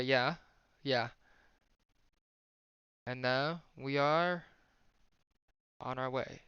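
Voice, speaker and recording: A man's voice: mid-range voice, a bit bright, clean tone, no echo, lo-fi sound. A young man on a live stream reading a visual novel aloud, casual and self-correcting, who rereads lines to get the emphasis right.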